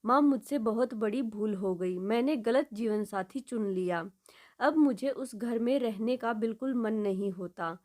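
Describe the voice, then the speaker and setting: A woman storyteller voicing an unhappy young married daughter who speaks quietly and with restrained pain. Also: on the high side, a little slow, close to an everyday voice. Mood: sad.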